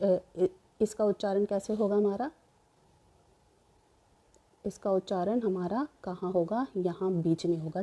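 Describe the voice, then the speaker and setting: Lady teacher going through a grammar lesson, really dark mellow voice, keeps asking then answering herself. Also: lowish voice. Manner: explains step by step, asking and answering her own questions; repeats "ठीक है" to check understanding.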